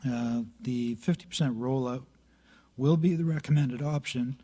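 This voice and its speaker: A man with a slightly hoarse voice presenting a planning budget report at a city council meeting into a chamber microphone, halting with many fillers and clearing his throat. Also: mid-range voice, warm tone. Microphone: meeting room microphone.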